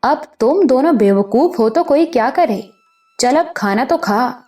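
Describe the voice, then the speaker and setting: A woman's voice: high voice, animated, mellow, faint music behind. A woman voicing an older motherly village woman who scolds with affection, in an audiobook. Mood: tender. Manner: scolding yet affectionate, rustic speech. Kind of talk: audiobook character voice.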